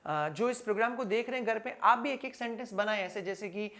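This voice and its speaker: A man's voice: high voice, brisk, sharp tone. A man with an Indian accent teaching a spoken English class, quizzing his listeners and repeating each answer aloud. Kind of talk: classroom lecture.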